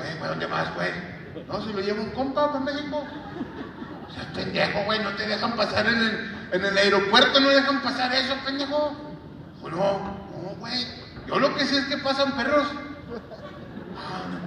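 A Mexican man doing stand-up comedy, telling crude jokes deadpan and landing them with a catchphrase. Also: sits high, background noise. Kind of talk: stand-up joke telling on stage. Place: large auditorium. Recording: echoey hall audio from far off, loud crowd.

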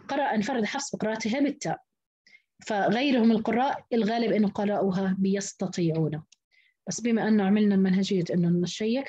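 A woman's voice: mid-range voice, darkish tone, husky. Woman recitation teacher, mid-range voice, patient step-by-step lecturing with spoken examples. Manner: explains step by step, repeating words to model pronunciation. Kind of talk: lecture on Quranic reading variants.

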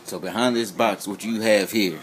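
Recorded in a room at home on an old flip phone held behind the camera, an Indiana man gives a casual vlog chat as an amateur sneaker reviewer. His lowish voice stays steady at a moderate pace as he rambles and jokes colloquially, over slight background noise and low-quality audio.

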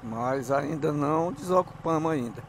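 Riding through town streets outdoors, this man vlogs casually from his motorcycle, rambling in a folksy manner with a northeastern Brazilian accent. His voice is a little high and his pace moderate, while motorbike and street sounds fill the background.

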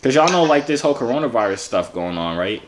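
In this flirty online video chat, a man in his twenties teases strangers playfully, speaking quickly at medium pitch with lively intonation. He's in an indoor home gym or garage, and the room recording is clearly noisy and full of clicks.

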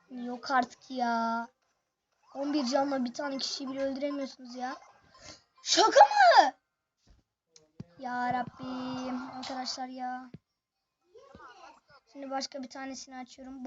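A high, bright voice commentates a mobile game live, excitable and chatty, turning to the viewers again and again. The sound is dull and lo-fi, like a home recording. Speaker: gaming video host.

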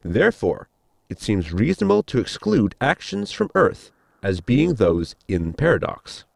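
A man plays a polite, scientifically minded crewman in a sci-fi comedy audio drama, speaking in an exaggerated voice that is earnest and explanatory. His formal delivery swoops through huge pitch swings with a creaky edge, at a measured pace. The recording is dry and close.

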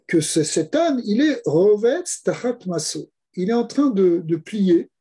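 A man's voice: high voice, mellow, husky. A man, a rabbi, giving a Torah lesson, explaining step by step with rhetorical questions and repeated key words. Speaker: rabbi teaching.

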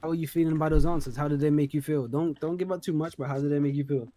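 A man hosting a dating game show inside a role-play game, with smooth emcee patter. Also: a little high, fairly even intonation, rapid-fire, dark tone.

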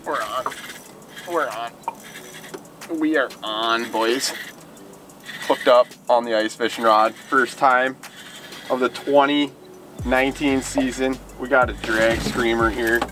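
A man in his thirties, an excitable fishing vlogger, talking casually outdoors by a lake and in a small boat into a handheld camera. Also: medium pitch, takes it slowly, long pauses, slight background noise. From Minnesota. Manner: excitable, hyped-up fishing talk. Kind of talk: casual outdoor vlog talk. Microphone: camera mic, handheld at arm's length then on a mount. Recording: outdoor camera audio with music behind. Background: music.

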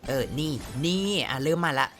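A woman's voice: low voice, expressive, normal speed, soft background music. A woman streaming a slot game, chatting playfully with her viewers and exclaiming at each spin in casual gameplay commentary.

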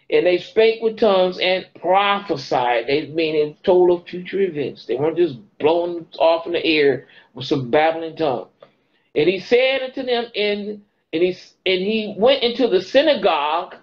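A middle-aged man teaching the Bible informally to a phone camera in a small room, quoting scripture in a preaching cadence and lifting his voice on key words. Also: sits high. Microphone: phone camera held close. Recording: dull lo-fi phone audio.

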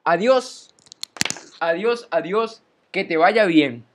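A man giving live commentary on his own mobile game match, excitable, repeating his phrases and yelping and cheering at the action. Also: sits high, slow, a little hiss or hum. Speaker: gaming YouTuber.

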